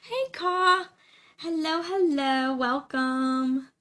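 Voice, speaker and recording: A woman's voice: sits high, extremely slow, pushed and bright. A woman hosting a painting livestream, chatting casually and informally as she works. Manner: greets viewers by name, informal. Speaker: live stream host, painter.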